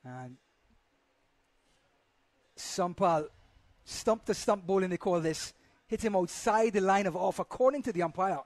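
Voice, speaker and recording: A man's voice: high-pitched, lively intonation, unhurried, pauses often, no room sound. A man commentating live on a cricket match as the play happens.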